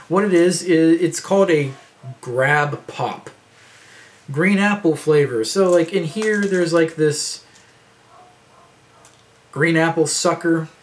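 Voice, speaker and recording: A man in his thirties rambling casually to camera in a vlog, with lots of fillers and restarts. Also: a little high. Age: 30s. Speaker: vlogger.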